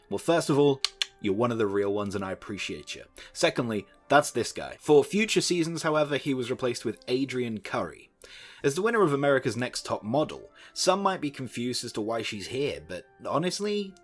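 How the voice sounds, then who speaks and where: A man's voice: medium pitch, big pitch swings, a little fast, soft background music. A young man narrating a scripted video essay with sardonic asides and the odd swear word.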